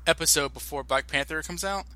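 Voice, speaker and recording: A young American man co-hosting a podcast in casual, animated talk, often restarting his sentences. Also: on the high side, no echo. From United States. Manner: animated, halting with many restarts and fillers. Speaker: podcast co-host.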